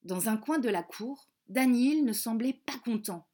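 Woman, children's storybook narrator, high voice, slow, expressive. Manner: clear, expressive reading voice with English words.

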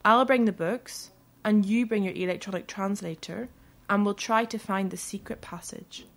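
A woman voicing a young red-haired girl in an audio story, speaking English slowly and carefully. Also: mid-range voice, natural voice. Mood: earnest. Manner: slow, carefully spoken English.

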